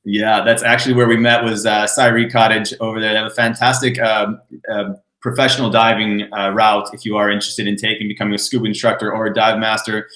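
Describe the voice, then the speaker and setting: Male interview host, casual and talkative, bright tone, roomy echoey sound. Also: on the low side, fairly quick. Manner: relaxed, chatty, frequent "mm-hmm" backchannels. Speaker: podcast host.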